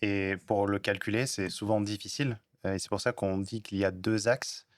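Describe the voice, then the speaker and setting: A man's voice: on the low side, fairly even intonation, normal speed, dry recording. A man on a panel at a business talk, explaining his points steadily through everyday examples.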